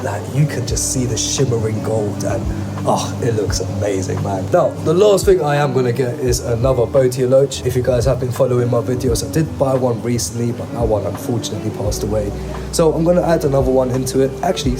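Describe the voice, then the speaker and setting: A man's voice: medium pitch, background noise. A man hosting a hobby vlog in an enthusiastic, colloquial style, talking straight to his viewers. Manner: colloquial, addresses viewers directly. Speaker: host of an aquarium hobby channel. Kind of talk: enthusiastic casual vlog narration.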